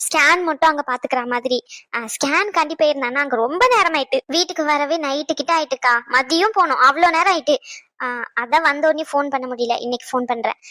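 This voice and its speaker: A woman's voice: high voice, quick pace, pushed and bright, no echo. A woman voicing a pregnant young daughter-in-law in a cartoon, chatting and apologizing on the phone. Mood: apologetic. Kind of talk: cartoon voice acting.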